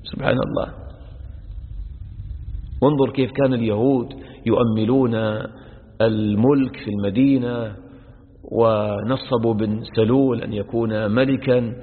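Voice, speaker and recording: A man's voice: medium pitch, steady tone, normal speed, pauses often. A male sheikh gives a religious lesson on Quran verses. He repeats each verse phrase and explains it word by word, and he speaks to his listeners as brothers. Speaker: sheikh teaching Quran exegesis. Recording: echoey hall over a narrow phone-like line.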